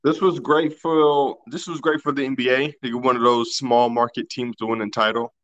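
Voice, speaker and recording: A man's voice: mid-range voice, flat delivery, moderate pace, fairly bright tone, no room sound, muffled recording. A man co-hosting a casual sports podcast, talking loosely and colloquially, often restarting his sentences.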